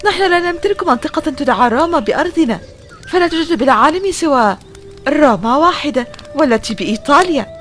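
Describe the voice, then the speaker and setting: A woman's voice: high voice, lively intonation, fast, faint music behind. A woman playing a bewildered young modern woman. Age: 20s. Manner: puzzled, questioning. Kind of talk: audio drama acting.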